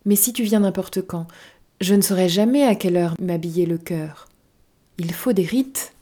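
Gentle wise fox, a woman reading, soft and reflective, warm low voice. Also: normal speed, lightly acted. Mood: tender. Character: wise gentle male fox, patient and wistful. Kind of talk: storybook reading.

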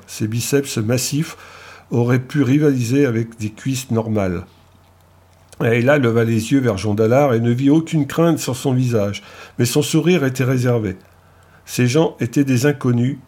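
Husky guy narrating an audiobook, steady, even. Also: medium pitch.

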